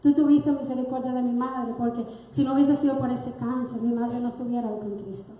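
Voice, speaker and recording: A woman's voice: a little high, steady tone, fairly quick, mellow. A woman, giving an earnest, emotional personal testimony to her church congregation. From Cuba. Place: church sanctuary. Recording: very echoey church hall.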